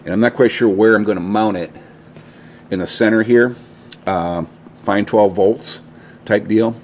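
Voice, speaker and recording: Here the garage DIY host speaks unhurriedly, his pitch on the low side and his tone a little mellow. A faint hiss or hum runs under the handheld-camera audio as he explains things step by step, casual and a touch salty, next to his pickup truck.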